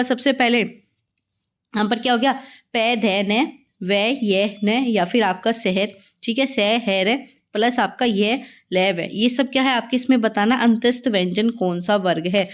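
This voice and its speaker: Woman tutor with a slightly high voice, exam-prep lesson, steady question-and-answer drilling. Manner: asks and answers her own questions, repeats "ठीक है". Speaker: teacher.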